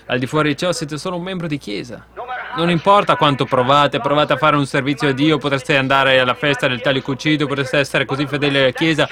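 A man preaching a sermon to a congregation, speaking fervently and swelling into emphatic outbursts. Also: on the high side.

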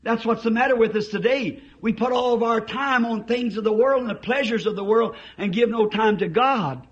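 A man preaching a fiery revival sermon, impassioned and breaking into shouts. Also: very high voice, moderate pace. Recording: dull lo-fi archive recording.

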